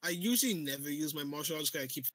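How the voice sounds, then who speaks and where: A man's voice: a little high, animated, quick pace, fairly bright tone, dry recording. A man playing a tabletop game over voice chat, speaking hesitantly and often stammering. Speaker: player.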